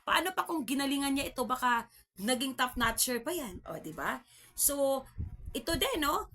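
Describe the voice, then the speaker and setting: A woman's voice: sits high, sharp tone. A woman from the Philippines giving casual political commentary on her vlog, chatty, with constant tag questions and mocking laughs. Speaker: vlog host.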